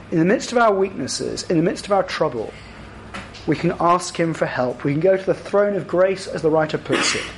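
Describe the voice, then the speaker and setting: Guy preaching, earnest, slightly high voice, bit of background noise. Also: rough recording. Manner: earnest, rises to higher, louder voicing for acted quotes. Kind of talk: sermon.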